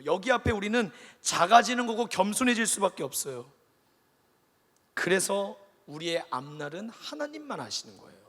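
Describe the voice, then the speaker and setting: Man, pastor, animated sermon, high-pitched, long church reverb. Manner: animated preaching, acting out quoted voices. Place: large church hall.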